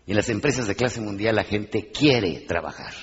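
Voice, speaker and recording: Male motivational speaker, husky, animated and quizzing the crowd; live in a dull-sounding echoing hall. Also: on the low side, moderate pace. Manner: animated, asks the crowd questions, acts out little scenes. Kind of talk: live motivational talk to an audience.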